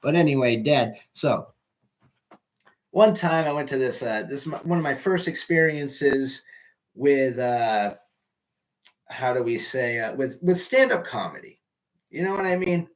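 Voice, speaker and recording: A man's voice: medium pitch, expressive, unhurried, pauses often. A young man doing a casual, rambling stand-up monologue at home, loose and swearing, often trailing off mid-sentence. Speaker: amateur comedian.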